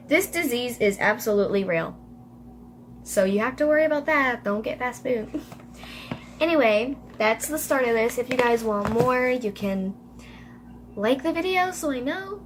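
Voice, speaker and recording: A woman's voice: a little high, a little hiss or hum. A woman reading her own childhood story aloud, breaking in with giggly, sarcastic asides. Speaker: YouTuber.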